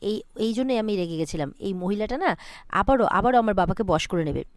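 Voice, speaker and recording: A woman's voice: mid-range voice, lively intonation, a little fast, no room sound, lightly acted. A woman voicing an angry young daughter in a spoken serial recap, sounding accusing.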